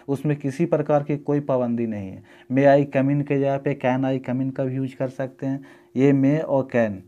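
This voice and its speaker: A male English teacher giving a lesson, explaining step by step and repeating example words slowly. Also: medium pitch, warm tone, highs cut off. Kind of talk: classroom-style lesson.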